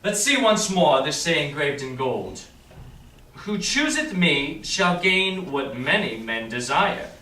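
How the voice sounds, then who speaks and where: A man performs a proud, self-assured prince of Morocco weighing his choice as a suitor, in a staged reading of Shakespearean verse. His fairly high, sing-song voice is bright and fully in character, declamatory and confident, with weighty pauses as he deliberates. The recording sounds roomy, with a distant mic and faint noise.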